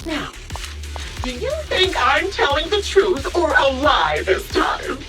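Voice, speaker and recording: An actress playing a gleefully sadistic villain sniper in a video game, taunting in a theatrical, mocking sing-song. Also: female voice, sits high, wildly swooping pitch, slow, far from the mic, over music, exaggerated voice.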